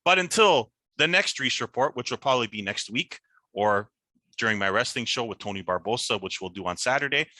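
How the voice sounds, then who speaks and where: Bright, brash podcast host man. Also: medium pitch, no room sound. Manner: animated, teasing trash talk. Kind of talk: casual sports picks chat.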